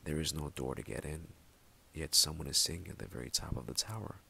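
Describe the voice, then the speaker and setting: A man voicing a curious, puzzled young prince in a bedtime story, with a deep, gravelly voice. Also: a little fast, bright, forceful tone, heavily acted. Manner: wondering, puzzled.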